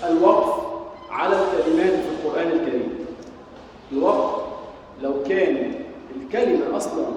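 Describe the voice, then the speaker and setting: Egyptian guy teaching class, kinda high voice, faint hiss behind, echoey room. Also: darkish tone. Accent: Egyptian Arabic. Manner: asks the class questions and answers them himself. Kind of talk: classroom lesson on Quranic sciences. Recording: echoey hall, mic far off, faint noise.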